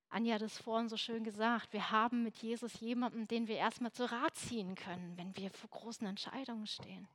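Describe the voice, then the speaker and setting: A woman's voice: a little high, fairly bright tone, dry recording. A young woman giving an earnest, emphatic sermon, at times dropping to a near whisper for emphasis. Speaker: preacher.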